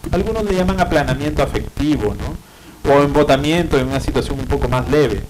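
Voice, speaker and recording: A man's voice: on the high side, fairly quick, background noise. A man with a Peruvian Spanish accent giving a university psychiatry lecture, explaining patiently and often checking in with tag questions and fillers.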